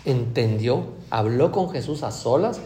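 Preacher with a roomy echo. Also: male voice, medium pitch, animated, unhurried, warm tone. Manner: conversational, keeps asking "¿verdad?". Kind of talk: sermon.

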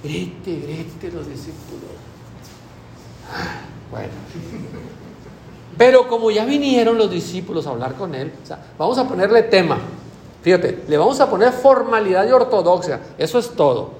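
High-voiced priest preaching. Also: male voice, big pitch swings, normal speed, a little mellow, roomy sound, a little hiss or hum. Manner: conversational, asks the listeners questions. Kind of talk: sermon.

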